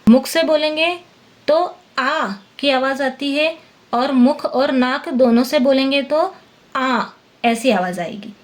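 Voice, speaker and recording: Woman teacher, lesson explanation, slow deliberate pace, patient, sounds out letters one by one. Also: sits high, fairly even intonation. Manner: slow, patient, spells out each sound and translates word by word. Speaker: Sanskrit teacher. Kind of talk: classroom-style lesson explanation.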